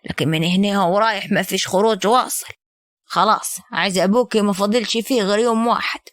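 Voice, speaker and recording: A woman with an Upper Egyptian accent voicing a scheming, sharp-tongued older mother-in-law who scolds and orders people about. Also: medium pitch, dry recording, natural voice. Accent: Upper Egyptian Arabic. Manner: scolding, sweet-talking then sharp.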